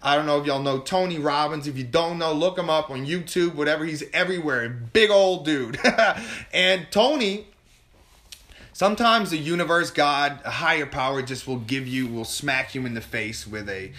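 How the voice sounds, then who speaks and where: A man guest in an interview telling a candid personal story, animated and emotional, often restarting and repeating words. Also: fairly high pitch, normal speed. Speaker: podcast guest.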